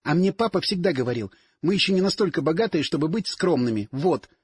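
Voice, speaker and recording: A man's voice: on the high side, lively intonation, fast talker, husky, dry recording, studio quality. A man voicing a cheeky, wheedling young woman nicknamed Squirrel, in an audiobook. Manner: whiny, wheedling.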